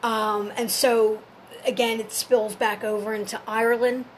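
A woman's voice: on the high side, little pitch movement, unhurried. A woman talking informally as a storyteller, explaining folklore and history step by step in a conversational way.

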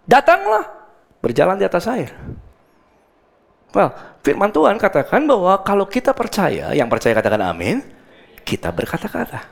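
A man preaching a sermon as a pastor, animated, acting out the scripture quotes and slipping in English words. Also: sits high, moderate pace, vocal fry, long pauses.

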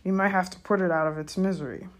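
A woman voicing a big, gruff male gamekeeper with rustic, commanding speech for a storybook reading. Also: on the low side, fairly even intonation, quick pace, natural voice. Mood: grave. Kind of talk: audiobook character voice.

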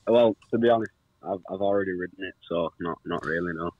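Man, very low deep voice, dry close sound, casual, blunt, unbothered caller. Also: fast, no echo, phone-quality sound. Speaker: caller to the show. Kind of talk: casual chat.

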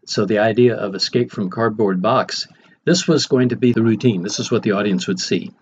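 A man's voice: on the low side, a little fast. An older man hosting a podcast, telling stories from memory in a conversational way with wry asides. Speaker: podcast host. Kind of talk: reminiscing storytelling monologue. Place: home library. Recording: muffled, faintly noisy.

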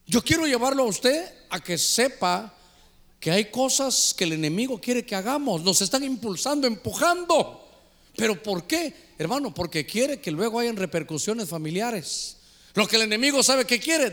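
Older preacher man, lively high voice. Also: moderate pace. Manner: storytelling preacher, addresses listeners as brother. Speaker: pastor. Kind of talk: sermon.

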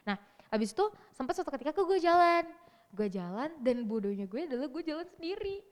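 A young woman telling a story in lively, slangy casual chat, acting out what people said. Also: high-pitched, fairly quick, in a large hall. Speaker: interview guest.

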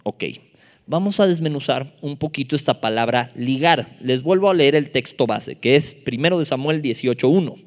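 A man's voice: mid-range voice, animated, moderate pace. A man leading a Bible study sermon as a youth preacher, talking conversationally with joking asides to the audience. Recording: echoey hall reverb.

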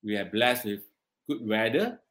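A man with a Malaysian accent talks as co-host in a medium-pitched voice. He is earnest and plain-spoken, building his points in short, halting phrases during a casual discussion. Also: big pitch swings, fairly bright tone. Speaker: talk show co-host.

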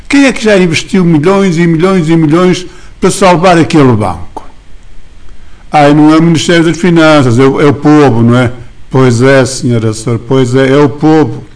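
A man acting out an indignant small-business owner, European Portuguese accent, comic phone monologue, stammering and insistent, fairly high and very lively voice. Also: lightly acted. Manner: stammering, insistent, repeats "menina" and "senhor assessor". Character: indignant small-town male business owner phoning a ministry. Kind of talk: comic monologue, one side of a phone call.

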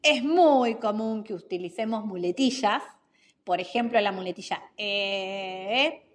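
A podcast host with a fairly high-pitched voice, this woman gives instruction on communication skills. Her delivery is clear and measured like a teacher's, and she leans on rhetorical questions.

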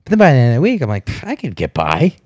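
A man's voice: mid-range voice, huge pitch swings, very fast, a little mellow, no echo, studio quality. A man from the United States co-hosting a casual chat, rambling and correcting himself with a playful manner.

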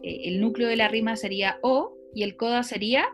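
A woman teacher lays out a concept patiently, step by step. Her voice sits high. She stops to ask her student questions. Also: fairly even intonation, a little fast, music in the background. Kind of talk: lecture on phonology.

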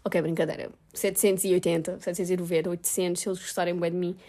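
A woman's voice: on the low side, little pitch movement, rapid-fire, dark tone. A young woman with a European Portuguese accent, talking frankly and self-mockingly in a casual vlog, swearing freely. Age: young adult. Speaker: vlogger.

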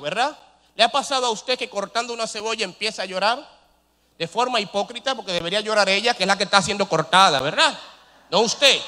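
A male pastor preaching a sermon, asking rhetorical questions and swinging between loud rises and soft drops. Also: extremely high pitch. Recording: long hall reverb.

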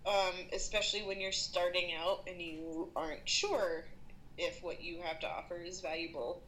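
A woman's voice: lowish voice, expressive, moderate pace, a bit bright, slight background noise, low-quality recording. A woman freelance artist in casual conversation, thoughtful and searching for words. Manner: thoughtful, many fillers and restarts. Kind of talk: casual chat.

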